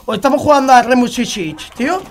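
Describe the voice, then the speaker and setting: A man's voice: extremely high pitch, fast. Man with a Spain accent, gaming streamer, exasperated ranting commentary full of swearing. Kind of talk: live gameplay commentary.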